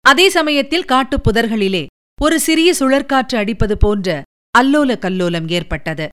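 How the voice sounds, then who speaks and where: Clear-voiced woman reading a storybook. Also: a little high. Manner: even, measured storytelling. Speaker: audiobook narrator. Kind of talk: audiobook narration of a historical novel.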